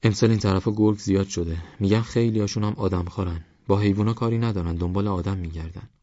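A man's voice: low voice, fairly even intonation, dark tone, no room sound, lo-fi sound, natural voice. A man voicing a caring, protective old village grandmother in an audiobook, talking in a fussing, cautioning way. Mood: tender.

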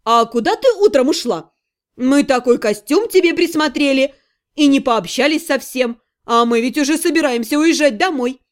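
A woman's voice: high voice, lively intonation, moderate pace. A woman voicing a worried middle-aged mother scolding her daughters. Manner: anxious, scolding.

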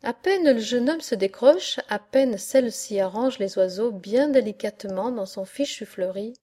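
A woman narrating a literary audiobook in a measured, expressive reading. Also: on the high side. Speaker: audiobook reader.

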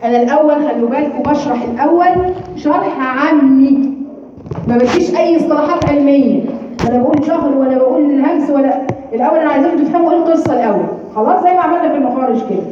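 A woman's voice: high-pitched, very fast, a little hiss or hum. A woman with an Egyptian accent teaching recitation, explaining patiently, demonstrating letter sounds and checking understanding. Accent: Egyptian Arabic. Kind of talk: informal lesson explanation. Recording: echoey, distant, dull room recording.

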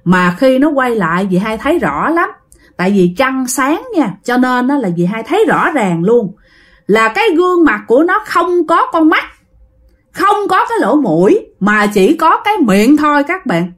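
A woman's voice: sits high, very animated, moderate pace. A woman with a Southern Vietnamese accent telling a ghost story in a chatty way, often speaking straight to her listeners. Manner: chatty, addresses listeners directly. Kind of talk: spoken ghost story narration.

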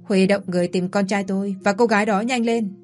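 A woman's voice: medium pitch, steady tone, brisk, a little mellow, faint music behind, natural voice. Woman playing a cold, curt young groom. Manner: terse, cold.

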